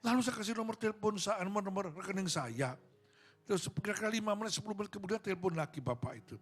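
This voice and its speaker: High-voiced Javanese-accented pastor preaching. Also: male voice, animated, fast. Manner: storytelling, acting out phone calls. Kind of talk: sermon with storytelling. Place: church service.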